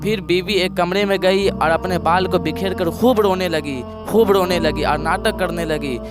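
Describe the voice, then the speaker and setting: A man's voice: high-pitched, music in the background. A man preaching through a moral story, repeating and restarting his phrases and calling his listeners brothers.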